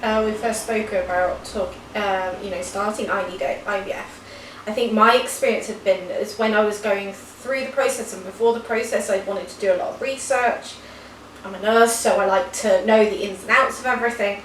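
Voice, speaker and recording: A friendly woman in her thirties from the UK, co-hosting a casual chat and explaining in careful detail. Her voice sits at a middling pitch. She is heard from a distance in a roomy space with faint hiss. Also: steady tone, normal speed. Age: 30s. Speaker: co-host, nurse.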